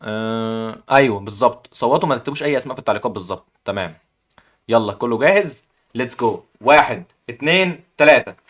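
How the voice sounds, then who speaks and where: A young man with an Egyptian accent hosting a live chess puzzle contest, excitedly cheering the players on. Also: mid-range voice, quick pace. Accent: Egyptian Arabic. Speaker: chess stream host.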